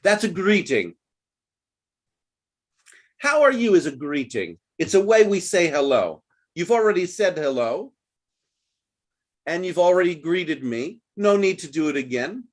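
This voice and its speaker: A man's voice: high voice, very animated, unhurried, pauses often. A man leading an online group English lesson over a video call, patient and coaching, repeating phrases for his learners. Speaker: English teacher.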